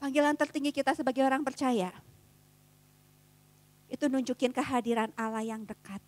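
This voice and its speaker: High-voiced woman preaching casual youth sermon. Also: steady tone, normal speed. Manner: casual slangy preaching, swings between soft and fervent. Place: church youth service.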